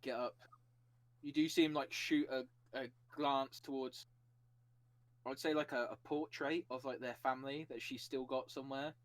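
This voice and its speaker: A man's voice: medium pitch, steady tone, moderate pace, low-quality recording. A man playing in a tabletop role-playing game, describing his character loosely with many fillers. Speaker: player.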